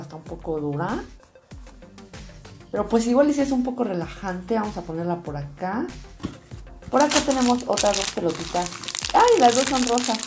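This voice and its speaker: Excitable high-voiced woman with music behind. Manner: excitable, exclamatory, expressive. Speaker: host of a toy unboxing channel. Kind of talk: casual unboxing chat addressed to young viewers. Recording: music playing behind, packaging crinkles. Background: music, crumpling and crinkling of packaging.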